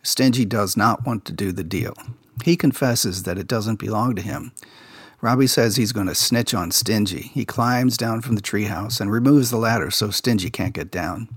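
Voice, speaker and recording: On a podcast with clean studio sound and no room sound, a man speaks at a moderate pace in a fairly low voice with a breathy edge. He is casually recapping a children's TV episode, sharing production stories from behind the scenes in a relaxed, insider's way.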